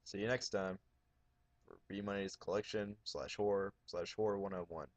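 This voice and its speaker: Loud, profane male vlogger, casual delivery, slightly low pitch. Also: steady tone, moderate pace, highs cut off. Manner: raising his voice, loud and profane. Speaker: horror DVD collector showing his shelf. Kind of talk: casual video blog.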